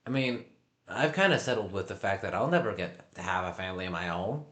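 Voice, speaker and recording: A man giving casual, halting reaction commentary as a streamer, with mocking asides. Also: low-pitched, expressive, fairly bright tone. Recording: roomy, echoey room sound.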